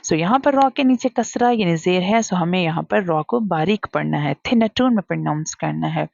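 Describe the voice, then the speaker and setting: A woman teaching Quran reading in a recorded lesson, drawing out each syllable slowly and then explaining quickly in mixed Hindi and English. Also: on the low side, animated, vocal fry, a little mellow, lo-fi sound. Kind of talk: recorded lesson, spelling out letters.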